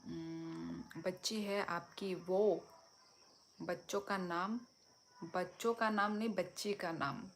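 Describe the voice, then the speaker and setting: On a phone live stream, a young woman from Tripura speaks slowly in a fairly low, steady voice. She is chatty and warm, reads viewers' comments and answers them one by one, and switches between languages. Faint crickets and a little hiss or hum sit in the background.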